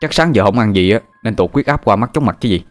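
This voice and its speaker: A man's voice: on the low side, animated, quick pace, soft background music, natural voice. A man voicing a cheerful, naive young son. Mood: worried.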